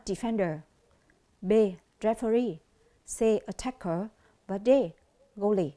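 Vietnamese woman, TV English teacher, warm mellow voice, slow clear drilling of each word. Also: medium pitch. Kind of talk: televised classroom lesson.

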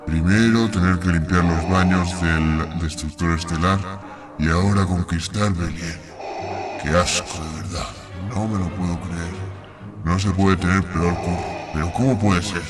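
A man voicing a grumpy, self-pitying male dark lord villain through a voice changer that makes him sound very deep, in a comedy sketch. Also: steady tone, a little slow, music in the background. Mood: grumbling. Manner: grumbling, complaining. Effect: voice changer making the voice very deep.

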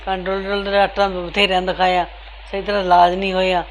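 Older woman, mother, middle pitch, weary plain storytelling, faint background noise. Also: little pitch movement, rapid-fire, poor audio. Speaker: interviewee, mother. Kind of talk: casual interview answers.

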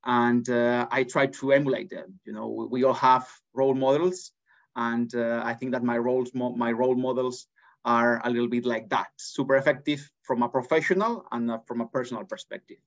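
A man's voice: medium pitch, fairly even intonation, fairly quick. A man in his thirties with a Spanish accent, talking earnestly as an interview guest from an office, with frequent restarts. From Spain. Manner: earnest, many restarts and fillers. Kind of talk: conversational interview. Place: office with large windows. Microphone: laptop webcam on a video call. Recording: dull lo-fi video call audio.

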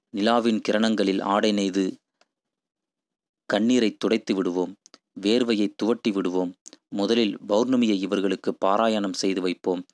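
A man's voice: on the low side, darkish tone, dry recording, lightly acted. A man voicing an impassioned idealist who preaches to villagers in poetic, rousing speech.

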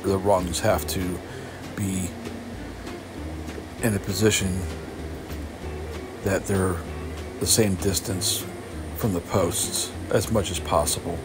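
An older man narrating his own woodworking project in a casual, halting way with many fillers. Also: sits low. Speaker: homesteader vlogger. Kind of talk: casual DIY voice-over narration.

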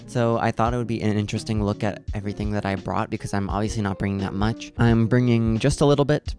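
A young man vlogging from his parents' house in a low, gravelly voice. He talks casually and pokes fun at himself, calling his delivery monotone. Soft music plays underneath. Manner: self-deprecating, calls his own voice monotone. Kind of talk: casual vlog talk to camera.

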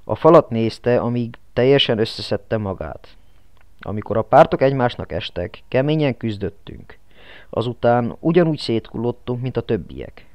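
A man's voice: medium pitch, expressive, darkish tone, no room sound, lightly acted. A man voicing a grieving, bitter woman leader. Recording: dull lo-fi, dry.

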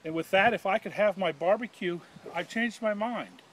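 Chatty higher-voiced man in his fifties. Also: moderate pace, fairly bright tone. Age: 50s. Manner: chatty, joking salesman patter. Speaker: product demonstrator. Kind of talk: outdoor product demonstration. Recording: audible outdoor background noise.

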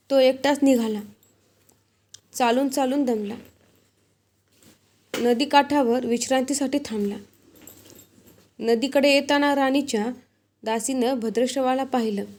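Slow, mellow-voiced woman storyteller. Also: high-pitched. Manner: measured, deliberate reading. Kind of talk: devotional folk-tale narration.

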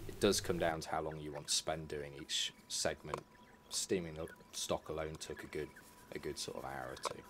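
Brief: male tutorial narrator, deep and low-pitched, steady practical delivery. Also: moderate pace, background noise. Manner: calm, practical, step-by-step advice. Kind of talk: instructional voice-over.

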